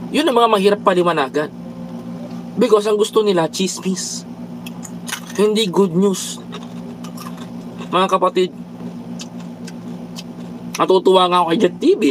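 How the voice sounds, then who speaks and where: High-voiced preachy Filipino vlogger man. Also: a little slow, long pauses, noisy background. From Philippines. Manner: preachy, repeatedly addresses viewers as brothers and countrymen; mixes English phrases into his talk. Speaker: vlogger reading viewer comments. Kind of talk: casual political commentary livestream.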